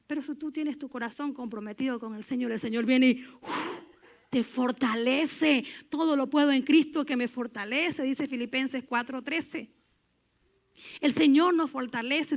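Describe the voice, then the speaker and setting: Animated high-voiced woman preaching a sermon. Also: lo-fi sound. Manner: animated, swings between emphatic and hushed. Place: church.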